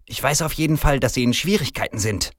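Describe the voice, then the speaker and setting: A man's voice: medium pitch, lively intonation, brisk, no room sound, clean studio sound, voice pushed up, natural voice. A man voicing a spiteful, bossy middle-aged store manager in a read-aloud story, hissing his orders. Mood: snappish.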